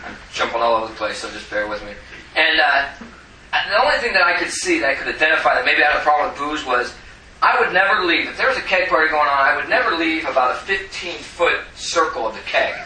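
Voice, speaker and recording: A man's voice: fairly high pitch, animated, quick pace, sharp tone. A man in his forties from Arizona who tells his recovery story in a rambling, self-mocking way, often chuckling. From Tucson, Arizona, USA. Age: 40s. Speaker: recovery meeting speaker. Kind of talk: personal recovery testimony. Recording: roomy, distant mic, faint hiss.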